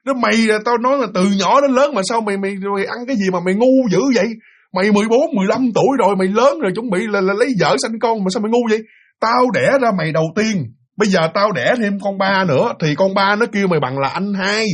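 Storytelling, man acting an enraged father, raised and husky. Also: sits high, fast, pitched above the performer's own voice. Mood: furious. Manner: shouting, stammering rebukes. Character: furious scolding middle-aged father.

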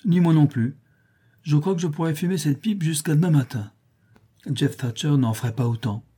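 A man's voice: fairly high pitch, moderate pace, mellow, slightly rough, voice pushed up. A man reading a storybook, voicing a proud, stubborn boy who brags and mocks his friends. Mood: boastful. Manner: bragging, scornful. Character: boastful boy pirate captain, proud and stubborn.

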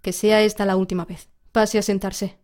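A woman's voice: medium pitch, flat delivery, normal speed, a little mellow, natural voice. A woman reading aloud voices a stern male schoolteacher who scolds in clipped, severe lines.

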